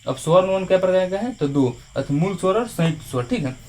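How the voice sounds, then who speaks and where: A man's voice: high voice, lively intonation, quick pace, a little mellow. Patient male teacher. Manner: patient, repetitive, ends phrases with a check-in tag. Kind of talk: Hindi grammar lesson.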